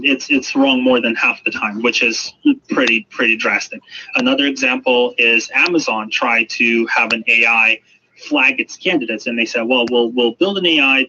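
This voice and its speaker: Over a muffled, noisy, radio-like recording, a man of medium pitch gives expert explanations in an interview. His delivery is pushed and bright, and he repeats phrases for emphasis.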